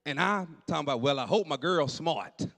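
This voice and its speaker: A man in his late forties doing animated stand-up storytelling on stage, dropping to low asides and jumping up for punchlines. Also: moderate pace. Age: 40s. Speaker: stand-up comedian. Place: church hall on stage. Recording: long hall reverb.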